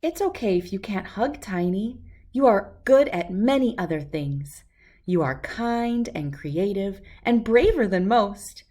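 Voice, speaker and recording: A gentle T. Rex mother from a children's storybook, read by a woman. She is soothing and encouraging, with an unhurried, middle-pitched voice. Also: expressive. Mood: tender, reassuring.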